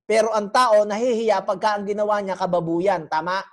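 A woman preaching a sermon. She is animated and teasing, and keeps quizzing the congregation. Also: medium pitch, moderate pace. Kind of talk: sermon teaching.

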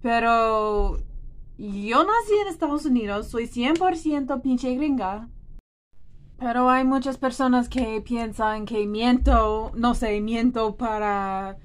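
A New Jersey vlogger in her thirties, a native English speaker with an American accent, chats casually and expressively to camera from a small indoor room. Her voice is a little high, and she takes her time.

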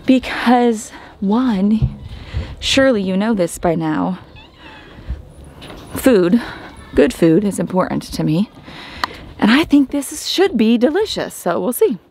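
A woman's voice: mid-range voice, very animated, slow, pauses often, darkish tone, slight background noise. A woman chatting enthusiastically to her viewers while she cooks at home and over an outdoor fire. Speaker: homestead vlogger. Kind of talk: casual cooking vlog chat.

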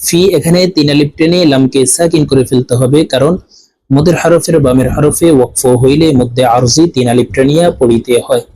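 A man teaching Quran reading, spelling each word syllable by syllable and then chanting it in long, drawn-out recitation, with brisk explanations of pronunciation rules in between. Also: medium pitch, steady tone, dark tone, rough recording. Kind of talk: letter-by-letter Quran reading lesson.

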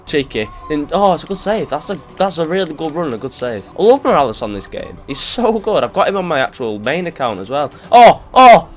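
Young guy commentating a football game, excitable and sweary, faint game music underneath. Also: a little high, quick pace, few pauses. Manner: excitable, swearing, jokey, with sudden shouts. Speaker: gaming youtuber.

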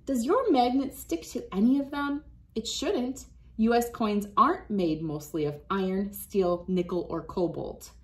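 Speaking at a measured pace with a medium pitch, a woman in her thirties reads a science book and demonstrates for kids. She is encouraging and talks right to young viewers. The recording comes from a device camera about arm's length away in a small wood-panelled room by a window.

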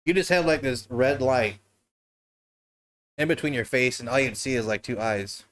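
Sprawled on his living room couch, a talk show host runs a casual livestream into a desk mic on a stand, joking loosely, laughing a lot and swearing freely. His voice is a typical middle pitch for a man, a bit bright, at a moderate pace.

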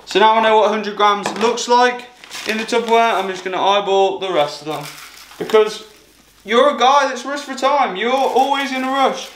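A man's voice: high-pitched, fairly bright tone. A young man in his twenties vlogging casually as he does meal prep in a small home kitchen, talking to camera in an upbeat, chatty way. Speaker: fitness vlogger. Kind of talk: casual how-to vlog. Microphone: camera mic from across the room. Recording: echoey kitchen with clear background noise.

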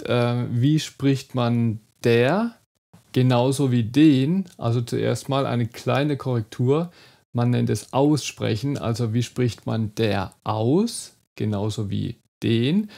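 A man gives an online German lesson, working through pronunciation step by step. He talks slowly and demonstrates each sound with care. His voice carries a noticeable gravelly fry. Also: medium pitch, a little mellow. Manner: slow, careful demonstration of sounds. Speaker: German teacher.

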